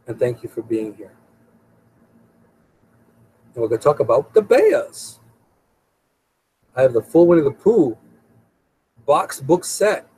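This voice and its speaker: A man's voice: mid-range voice, big pitch swings, takes it slowly, long pauses, warm tone, breathy edge, rough recording. A middle-aged man hosting a live show in a casual, rambling way, often repeating his words. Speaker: host. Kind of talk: casual live-stream talk.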